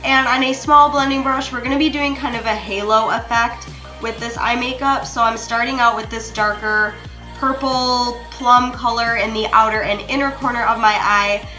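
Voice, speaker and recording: A young woman talks through a makeup tutorial in a bright, crisp voice pitched a little high. She chats to her viewers in a friendly, apologetic way. The room sounds echoey, and soft music plays underneath. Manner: chatty, apologetic, addresses viewers as you guys. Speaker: beauty vlogger. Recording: roomy echo with soft music behind.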